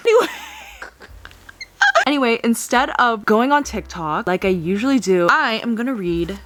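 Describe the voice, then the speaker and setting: A woman's voice: on the high side, very animated, moderate pace, fairly bright tone, slight background noise. A young woman in her twenties with a slight lisp, chatting casually and bubbly in a vlog, full of "like" fillers. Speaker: vlogger.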